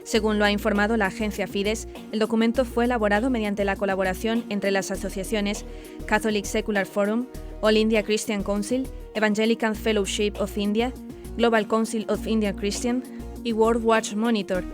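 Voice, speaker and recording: Clear background music plays as a female newsreader delivers a script at medium pitch. Her reading is flat, formal and even.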